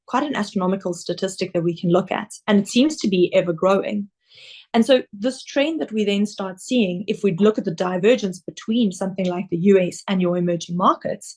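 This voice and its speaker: Her mid-range voice is creaky and somewhat dark as this South African investment director walks through webinar slides. The delivery is measured and explanatory, with occasional ums.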